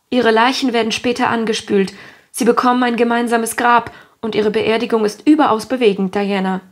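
An imaginative orphan girl of about eleven, as a woman reads her spins her tale with gushing theatrical flair, her voice pitched a touch high. It is an audiobook character voice. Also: natural voice.

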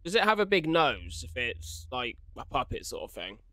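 A young man reacts to horror as a video creator, offering casual, jokey commentary punctuated by exclamations of dread. He sits close to a large desktop condenser mic in a small room at home. His mid-range voice is very animated, pushed and bright, at a moderate pace.

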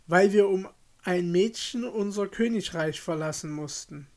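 A man's voice: high voice, unhurried, a little mellow. A man reading aloud and voicing Benjamin, the earnest youngest brother in a fairy tale, speaking with emphasis.

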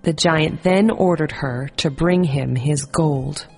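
A woman narrating a children's fairy tale in a calm, measured storytelling manner. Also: deep voice, husky, in a large hall.

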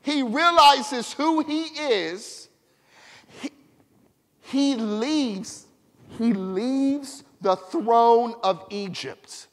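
Pastor, male, high voice, slow deliberate sermon delivery, call-and-response, recorded in a reverberant church. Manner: preaching with call-and-response to the congregation. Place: church sanctuary.

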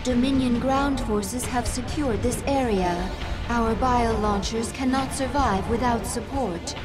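A woman voicing a calm, dutiful alien servant in a game, reporting formally in measured sentences. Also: on the high side, over loud music, lightly acted. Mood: formal, composed.

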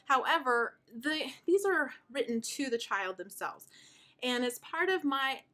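Her voice sits high and expressive, a little slow, as this homeschooling mother in her thirties explains her curriculum on video. Warm and enthusiastic, she chats with fillers, breathless and sighing in a casual show-and-tell.

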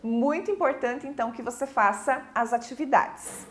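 A woman's voice: high voice, moderate pace. A Brazilian Portuguese woman teaching a recorded online class, explaining patiently and often checking in with her students.

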